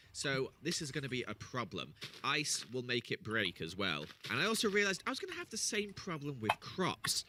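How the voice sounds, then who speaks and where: A man narrates his game in a very bright, sharp voice that swings widely up and down. He is playful and jokey and pokes fun at himself. He is recording with the hiccups, over a faint hiss. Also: mid-range voice. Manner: playful, jokey and self-mocking. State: has the hiccups. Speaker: gaming channel host.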